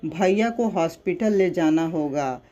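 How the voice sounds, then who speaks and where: Narrator voicing a gentle young man, calm and slow, dull lo-fi sound. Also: medium pitch, close to an everyday voice.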